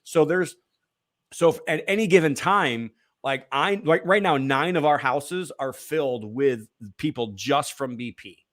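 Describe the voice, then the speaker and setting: A man's voice: fairly high pitch, unhurried, fairly bright tone. A man as an interview guest, rambling casually with many fillers and restarts.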